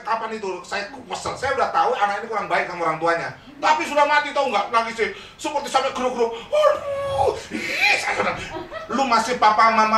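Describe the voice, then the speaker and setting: A middle-aged man, a pastor, preaching a lively, joking sermon and calling on the congregation to say amen. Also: very high voice, a little hiss or hum. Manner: lively and joking, calls for amens. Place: church. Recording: echoey church hall, distant mic.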